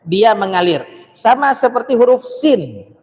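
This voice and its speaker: A man's voice: high voice, sing-song, darkish tone, breathy edge. Man teaching Quran recitation in reverberant mosque. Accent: Indonesian. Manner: alternates slow chanted Arabic verses with brisk explaining; demonstrates sounds by repeating syllables.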